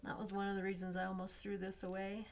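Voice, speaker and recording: A woman's voice: medium pitch, monotone, fast talker. A woman hosting a craft tutorial, talking casually as she colors and thinking aloud, sometimes dropping to a near-whisper. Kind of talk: casual demo narration while coloring.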